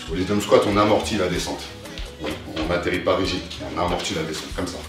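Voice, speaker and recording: A young man with a deep voice, speaking a little fast, coaches a workout while exercising himself, cheering people on with short, motivating instructions. He's a fitness coach recording indoors in a living room. The room is very echoey, the mic is distant, and music plays clearly behind him.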